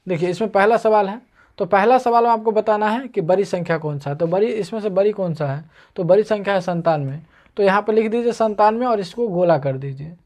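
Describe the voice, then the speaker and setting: A man's voice: sits high, brisk, darkish tone. A man teaching an online math lesson, explaining patiently and going over each step again and again. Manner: patient, repetitive explaining, walking through steps.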